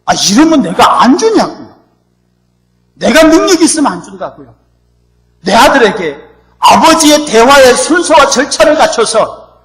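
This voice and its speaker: High-pitched, lively male pastor preaching. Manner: lively, emphatic and playful preaching. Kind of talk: sermon.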